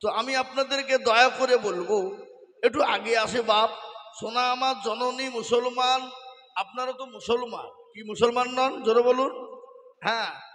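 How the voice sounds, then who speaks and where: A man's voice: very high voice, unhurried, bright, forceful tone. A man preaching a sermon to a gathering, sometimes chanting verses and repeatedly pushing the crowd to answer him. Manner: exhorting, keeps prodding the crowd to answer. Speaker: Islamic preacher. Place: outdoor religious gathering over loudspeakers. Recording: echoey hall-like reverb.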